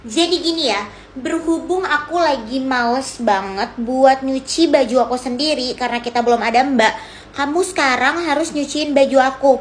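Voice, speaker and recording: A woman's voice: high voice, moderate pace, a little hiss or hum, lightly acted. A woman voicing a bossy, scornful young woman who talks in a demanding, mocking way in a homemade drama.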